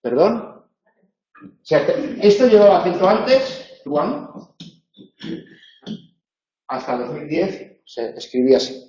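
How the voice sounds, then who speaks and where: A man's voice: sits high, sing-song, slow, long pauses, dark tone. Man lecturing in a roomy classroom. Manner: explanatory, checks in with tag questions. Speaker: university lecturer. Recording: roomy, muffled lecture recording.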